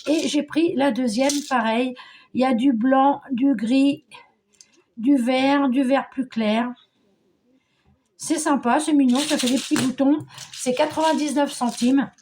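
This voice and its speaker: A woman's voice: sits high, steady tone, a little slow, a little mellow. Chatty middle-aged woman from Paris. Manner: chatty, hesitant, many fillers and restarts. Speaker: scrapbooking vlogger. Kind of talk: casual show-and-tell chat.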